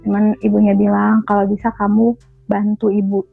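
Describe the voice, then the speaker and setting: A woman's voice: mid-range voice, completely flat delivery, normal speed, vocal fry, slightly rough, faint music behind. A woman who lives in Manado tells a chatty, aggrieved story down a phone line, quoting what others said. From lives in Manado, not originally from there. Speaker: caller sharing her story. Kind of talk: casual chat.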